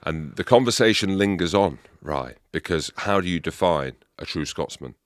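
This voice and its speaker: A middle-aged man with an English accent, hosting a casual podcast chat and leading the questions in an animated, chatty way. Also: low-pitched, normal speed, no echo, studio quality. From England. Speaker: podcast host.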